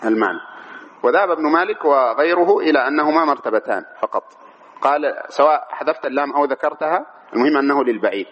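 A man's voice: fairly high pitch, animated. A man teaching an Arabic grammar lesson who asks the class questions and answers them himself, often checking that they follow. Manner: keeps checking understanding; slow, measured reading of the text. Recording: dull lo-fi recording with faint noise.

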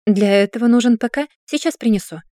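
Woman voicing a brisk male technician. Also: a little high, warm tone, no echo, clean studio sound, close to an everyday voice.

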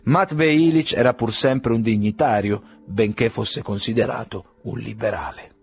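A man narrating a classic novel in a measured, gently ironic audiobook reading. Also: on the low side, steady tone, gravelly, faint music behind.

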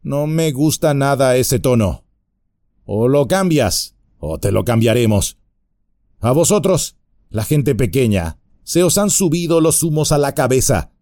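A man's voice: mid-range voice, sing-song, a little slow, mellow, dry recording, studio quality, pitched above the performer's own voice. A man voicing a big, sneering, brutish ruffian in an audiobook, menacing and mocking. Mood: threatening.

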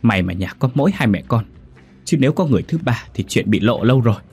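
A man's voice: mid-range voice, expressive, quick pace, a little mellow, slightly rough, soft background music. A man voicing a protective, doting older mother who soothes her son in a storybook horror tale. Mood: scolding.

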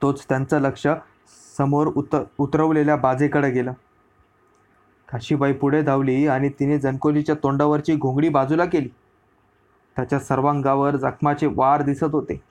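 A man narrating a historical story as an audiobook reading, in a steady storyteller delivery. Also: mid-range voice, moderate pace.

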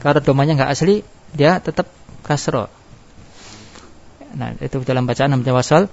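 A man's voice: mid-range voice, moderate pace, gravelly, darkish tone, slight background noise. A male teacher giving a grammar lesson, explaining step by step and asking his class questions that he then answers himself. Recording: dull lo-fi classroom recording.

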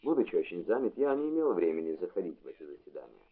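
A man reading a memoir aloud as an audiobook narrator, in a measured literary delivery, on a tinny phone-like recording. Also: sits low, sing-song, husky.

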